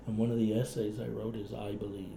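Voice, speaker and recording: Being interviewed at home, an older Cape Breton man, a retired clinician and writer, chats folksily and at length about the past, his lowish, gravelly voice moving at a quick pace. The room gives an echoey sound with faint background noise.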